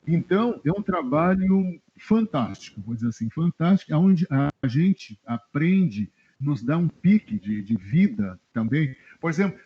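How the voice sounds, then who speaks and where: A middle-aged man from southern Brazil, a journalist guest telling animated anecdotes in a casual interview and chuckling often. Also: on the high side, measured pace, husky. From Rio Grande do Sul, Brazil. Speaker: journalist guest, press adviser. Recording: dull lo-fi web radio audio.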